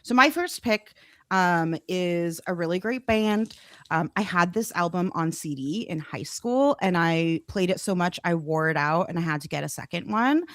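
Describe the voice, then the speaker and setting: A woman's voice: on the low side, lively intonation, normal speed, a bit bright, no echo, clean studio sound. A woman co-hosting a music podcast, chatting casually and playfully and laughing easily. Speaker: podcast co-host. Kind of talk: casual chat about music.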